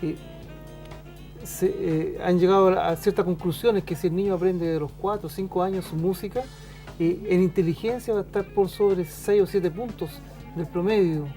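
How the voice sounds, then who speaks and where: A middle-aged man with a Chilean accent, a teacher chatting on a talk show, thoughtful and pausing often. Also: high-pitched, steady tone, warm tone, soft background music. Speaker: show host and school teacher. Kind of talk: casual conversation on a talk show.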